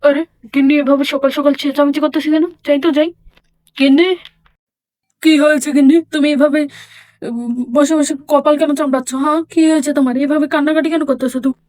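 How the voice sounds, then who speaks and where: A woman voicing a tired, reassuring poor village father, speaking calmly in a doll story drama. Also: sits high, fast talker, no room sound, close to an everyday voice. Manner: calm, comforting.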